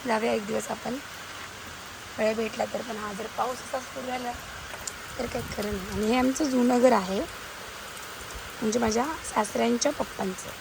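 A woman's voice: fairly high pitch, steady tone, moderate pace, gravelly, long pauses. A woman with a Konkan Marathi accent chattily showing viewers around her village home outdoors, talking into a handheld phone. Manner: chatty, addresses viewers directly. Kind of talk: casual walking vlog narration. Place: outdoors around a village house with forest, in rain. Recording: noisy outdoor ambience.

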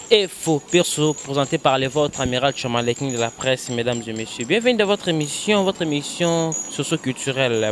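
A man's voice: mid-range voice, slight background noise. A man hosting a talk show outdoors, announcing it in an emphatic, formal style into a handheld microphone. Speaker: host. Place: outdoors against a concrete wall.

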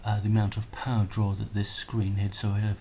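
Captured on a handheld camera mic amid noise and clicks, a man casually demos a prototype device, hesitant and musing aloud. His lowish voice is completely flat, fairly quick and mellow.

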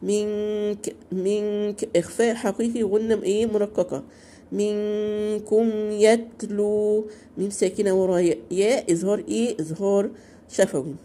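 A woman with an Egyptian Arabic accent teaching Quran recitation to beginners. She recites slowly and drawn out, then explains quickly, asking questions and answering them herself. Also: medium pitch, steady tone, dark tone. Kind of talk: beginner tajweed lesson.

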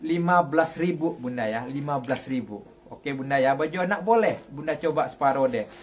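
On a phone-recorded live stream from a shop, a man in his thirties pitches clothing with repeated hawker-like calls. His voice is fairly high and his delivery a little fast.

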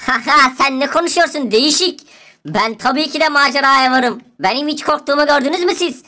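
A woman voicing a bragging boy who calls himself a superhero, loud and cocky. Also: sits high, fairly quick. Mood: boastful.

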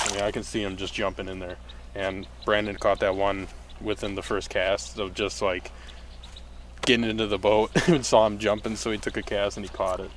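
A young fishing vlogger with a lowish voice gives upbeat running commentary while fishing from a small boat on a lake. He's filmed on a handheld camera in a casual outdoor vlog, with a noisy background.

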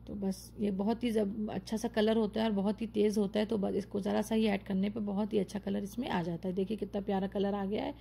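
Speaking briskly with few pauses, this woman has a medium-pitched, level, creaky voice with a warm tone, over slight background noise. She is an adult mother of children who hosts a cooking channel, chatty and full of praise as she walks viewers through her home recipe step by step.

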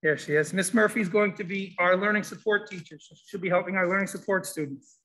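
High-pitched man talking through a face mask. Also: fast talker, bright, forceful tone, low-quality recording. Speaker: school program supervisor hosting an information session. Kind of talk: informal presentation to families. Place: indoor school room, standing before a presentation screen.

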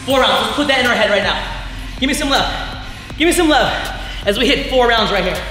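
A middle-aged man coaching a workout like a barking gym coach, energetic and shouting counts and commands while he exercises. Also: very high-pitched, brisk. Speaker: fitness coach leading a workout. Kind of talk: workout instruction, motivational coaching. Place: large indoor training gym with turf floor. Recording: echoey gym hall, music behind.

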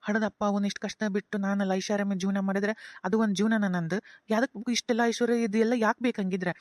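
A woman's voice: mid-range voice, fairly even intonation, fast, darkish tone, no echo, studio quality, natural voice. A woman voicing an earnest, guilt-ridden young son with a North Karnataka accent, pleading with his parents in a cartoon. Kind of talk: cartoon voice acting.

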